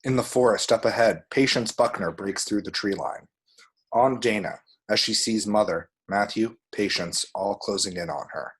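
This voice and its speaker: Delivering a screenplay's action descriptions at a table read, a man tells the story vividly and dramatically, saying the sound effects aloud. His voice is on the low side with a breathy edge, at normal speed.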